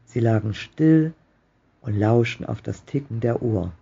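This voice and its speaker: Ein Mann, der ruhig und spannungsvoll eine Gespenstergeschichte vorliest. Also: male voice, mid-range voice, unhurried, creaky, mellow, breathy edge. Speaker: reader of a ghost story. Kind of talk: slow storytelling reading. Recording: dull muffled home recording.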